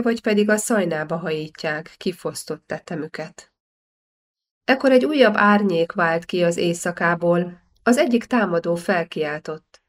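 A woman narrates a historical novel for an audiobook in a steady, measured manner. Her voice sits slightly low for a woman. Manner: measured storytelling. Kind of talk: scripted narration.

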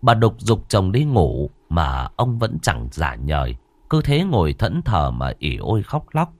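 A man's voice: low voice, wildly swooping pitch, unhurried, a little mellow, no room sound. A man narrating a ghost story expressively.

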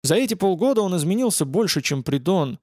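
A man narrating an audiobook in a measured, dramatic reading. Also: high voice, big pitch swings, darkish tone, no room sound, clean studio sound. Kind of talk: scripted narration.

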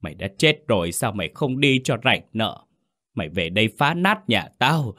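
A man's voice: on the low side, sing-song, moderate pace, pushed and bright, full character voice. A man voicing a grieving old mother who wails and curses in a storybook ghost tale. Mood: anguished wailing. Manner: wailing, accusing.

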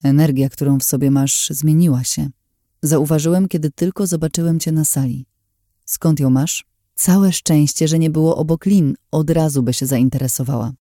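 Brooding regretful young guy, read by a man, very dark mellow voice, dry close sound. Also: fairly high pitch, fairly even intonation, normal speed, no room sound, lightly acted. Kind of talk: audiobook character voice.

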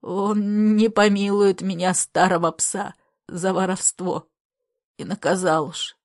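A woman reading a story aloud, voicing a hoarse, guilt-ridden dying old grandfather who speaks in a despairing, pleading way. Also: fairly low pitch, takes it slowly, pitched below the performer's own voice.

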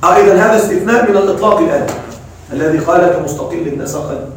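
A male grammar teacher giving a classroom lecture, quizzing his students and reciting verses slowly. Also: sits high, slight background noise. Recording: echoey room from a distance.

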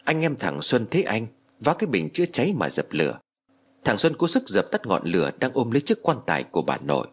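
A man reading a horror story aloud in an expressive narrating style. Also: fairly low pitch, a little fast. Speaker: story reader.

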